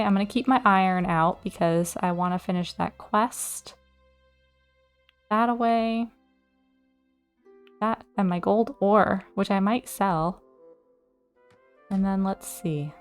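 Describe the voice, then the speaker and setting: Let's play host, woman, mid pitch, casual and chatty, easily excited. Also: smooth. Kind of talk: casual gameplay commentary.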